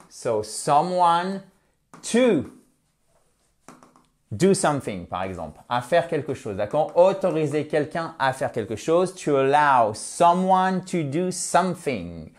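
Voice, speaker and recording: Man teaching English in a lesson. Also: on the high side. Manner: explains step by step, slows down to model English words. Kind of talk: online language lesson.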